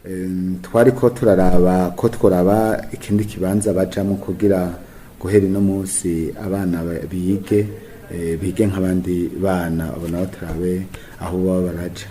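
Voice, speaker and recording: Brief: male governor, lowish voice, halting official statement with faint ambience. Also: flat delivery, dark tone, slight background noise. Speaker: local governor.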